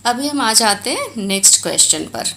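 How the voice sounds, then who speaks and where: A woman's voice: on the high side, very animated, moderate pace, bright, forceful tone. A woman with an Indian accent teaching a textbook lesson, explaining in Hindi mixed with English and reading Sanskrit aloud.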